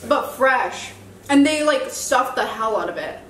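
A woman's voice: fairly high pitch, animated, a little slow, fairly bright tone. A young woman chatting casually through a food review, talking while chewing and gushing with lots of filler words. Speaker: vlogger. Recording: echoey, far from mic, faint noise.

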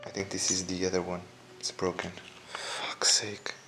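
A man quietly commenting as he explores a dark abandoned house, half-whispering at times, recorded on a handheld camera. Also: sits low, monotone, moderate pace, faint music behind, rough recording. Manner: hushed, half-whispered remarks. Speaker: urban explorer.

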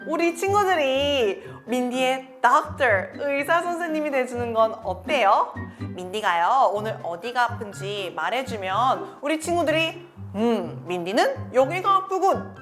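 A woman teaching English to children in a playful lesson, acting out being sick and saying English phrases slowly for kids to repeat. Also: high-pitched, a bit bright. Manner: slow, carefully enunciated English phrases for repeating.

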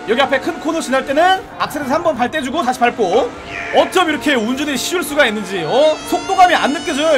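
A man giving excited, playful commentary while reviewing a car in a racing game, shouting at rival cars. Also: extremely high pitch. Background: background music and engine sounds.

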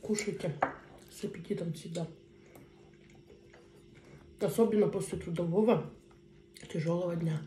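A woman in her thirties chats casually to viewers as a mukbang vlogger, talking in short, unhurried phrases with pauses as she eats. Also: fairly low pitch, dark tone. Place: small indoor room at a table. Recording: roomy echo, faint noise, cutlery clinks. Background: cutlery and dishes.

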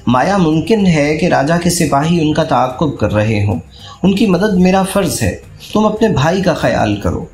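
A man reading Khalid, a steady young warrior. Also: fairly high pitch, moderate pace. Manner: steady, reassuring. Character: brave young warrior, composed and determined. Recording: echoey room with faint music.

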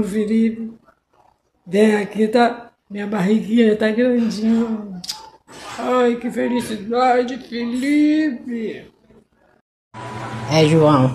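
A woman's voice: on the high side, darkish tone, echoey room, a little hiss or hum. A woman doing a cooing lovesick woman. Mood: giddy. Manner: syrupy, cooing, drawn-out endearments. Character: lovesick adult woman sweet-talking several lovers. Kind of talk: comic voice-message sketch.

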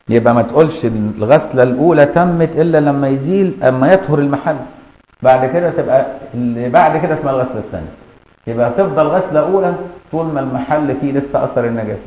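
A man with an Egyptian Arabic accent teaching a colloquial classroom lesson, explaining step by step and often checking that listeners follow. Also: mid-range voice. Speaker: Islamic jurisprudence teacher. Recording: echoey, dull lo-fi room recording.

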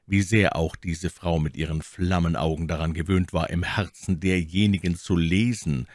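A man reading a classic novel aloud in measured audiobook narration. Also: low voice, dry recording, studio quality. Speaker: audiobook reader.

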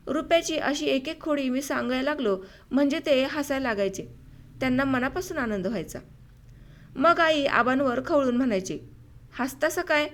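A woman narrating a short story for an audiobook in a measured, unhurried reading. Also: sits high, a bit bright.

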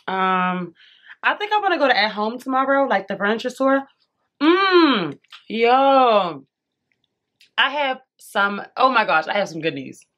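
A young woman vlogs casually to camera from her bedroom at home, chatting away, calling viewers y'all, and eating as she talks. Her voice is on the low side and a bit bright, and she sounds a little congested.

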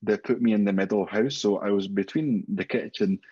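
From a home room, a Spanish-accented guest in his thirties talks openly and swears freely during a casual interview over a video call. His fairly low voice is warm and husky, his pace moderate, and the recording sounds muffled.

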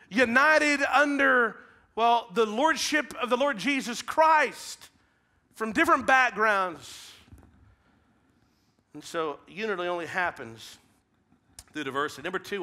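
A man in his thirties with a Midwestern American accent, preaching a sermon from a church stage, swinging between loud emphatic calls and hushed, near-whispered lines. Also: high-pitched. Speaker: pastor. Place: large church stage with blue-lit backdrop.

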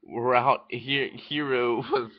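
Slow and steady in tone, a medium-pitched man in his twenties, a vlogger, reads an old essay aloud indoors by a window in a small room. The speech jammer makes him stumble, repeat words and restart mid-word, and the recording has its highs cut off.

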